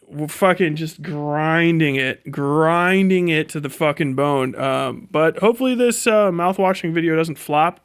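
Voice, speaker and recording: A livestream host and content creator chats and rants bluntly from his indoor home setup, swearing heavily and often. His fairly high, smooth voice is captured close on a studio mic, with no echo.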